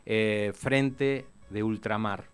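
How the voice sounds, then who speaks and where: A man, a historian guest in a radio interview, telling history in an animated way with many restarts. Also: lowish voice, very slow, clean tone.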